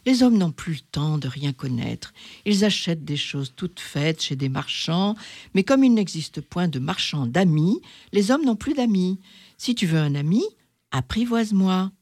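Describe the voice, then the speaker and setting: Musing storybook fox, read aloud: weary, wise, confiding, husky, dropping to whispers. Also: mid-range voice, sing-song, a little slow, a little mellow, no room sound. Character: wise, weary fox who longs for a friend. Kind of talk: reading aloud in two voices.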